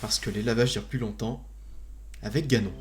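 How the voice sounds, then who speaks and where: A man's voice: on the low side, fairly even intonation, brisk. A man doing casual live gaming commentary as a streamer, with a jokey, mock-grand manner and muttered asides. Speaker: video game streamer.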